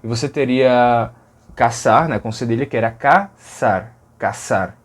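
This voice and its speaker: A man's voice: medium pitch, steady tone, normal speed. A man from Brazil with a Brazilian Portuguese accent, giving a casual educational explanation of speech sounds and patiently saying sounds over and over to demonstrate them. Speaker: linguistics educator.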